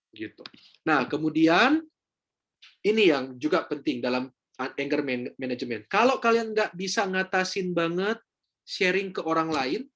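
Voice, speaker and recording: A man's voice: fairly high pitch, fairly bright tone. Chatty male counselor. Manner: chatty, explanatory, addresses audience as friends. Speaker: counselor giving a talk. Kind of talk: casual seminar talk.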